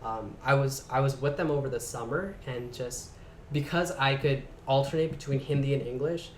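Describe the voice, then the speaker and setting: A young man from the Bay Area, a guest in a casual interview chat, talking reflectively and trailing off quietly at the ends of his thoughts. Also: medium pitch, normal speed, roomy sound, a little hiss or hum. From San Francisco Bay Area. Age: young adult.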